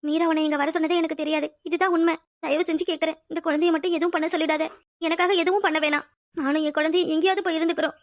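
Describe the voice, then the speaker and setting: A woman's voice: very high voice, steady tone, rapid-fire, no room sound, studio quality. A woman voicing a heartbroken, abandoned pregnant young woman in a cartoon drama. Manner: pleading, tearful. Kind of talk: cartoon voice acting.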